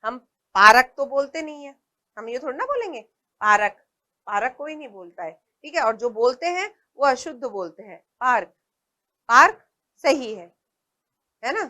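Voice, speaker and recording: A woman teacher giving a patient lesson to young children, saying each word slowly and often stopping to check with them. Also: high-pitched, sing-song. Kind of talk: slow primary-school lesson.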